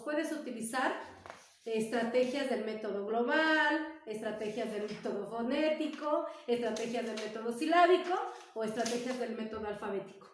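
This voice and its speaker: A primary school teacher with a voice on the high side gives parents an informal talk, patiently explaining reading methods and often checking in with "¿sale?". She is recorded far from the mic in an echoey room, with slight background noise.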